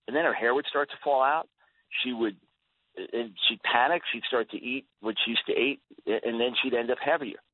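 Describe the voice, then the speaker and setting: An earnest, emphatic man in his sixties, a guest on a radio talk show, who often repeats words as he starts a thought. His voice sits at an ordinary middle pitch. It comes through a thin, phone-like line with a close, dry sound. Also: dry recording. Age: 60s. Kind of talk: radio interview.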